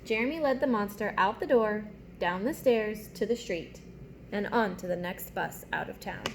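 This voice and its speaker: Faint background noise accompanies a woman teacher whose medium-pitched voice carries some vocal fry and moves at normal speed. She reads to young kids and gives simple explanations as part of a read-aloud and writing lesson.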